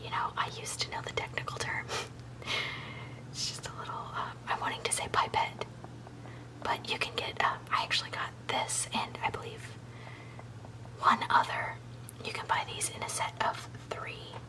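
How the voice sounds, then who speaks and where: A woman hosting an ASMR recipe video, speaking in a soft, unvoiced whisper as she explains each step in a chatty way. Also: moderate pace, pauses often, recorded from a distance, low-quality recording. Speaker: video host.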